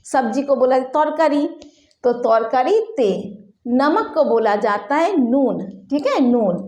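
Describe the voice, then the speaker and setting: A woman's voice: high voice, roomy sound. A woman language teacher giving a patient bilingual phrase lesson, repeating each phrase.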